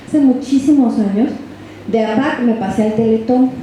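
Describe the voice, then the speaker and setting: Woman, Mexican accent, middle-aged, lecturer, conversational tag questions, slightly high voice, faint room noise. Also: moderate pace, dark tone, very echoey, low-quality recording. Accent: Mexican Spanish. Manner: conversational, ends phrases with tag questions to the audience. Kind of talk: parent workshop lecture.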